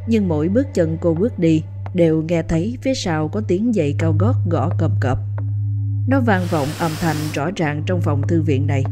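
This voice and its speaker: A woman reading a ghost story aloud in steady, measured scripted narration. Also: deep voice. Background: faint background music.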